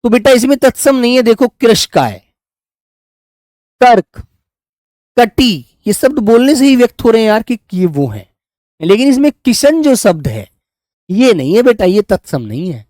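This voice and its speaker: A man's voice: very high-pitched, sing-song, normal speed, long pauses, a little mellow, dry recording, clean studio sound. A man teaching a live online quiz class, coaxing his students and calling them "beta" as he goes through the answers.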